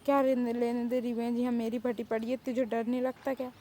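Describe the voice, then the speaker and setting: A woman's voice: a little high, little pitch movement, brisk, mellow, a little hiss or hum, lightly acted. A woman voicing an anxious young friend who keeps worrying about trouble. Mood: worried. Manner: anxious, fretful. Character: nervous worried young friend.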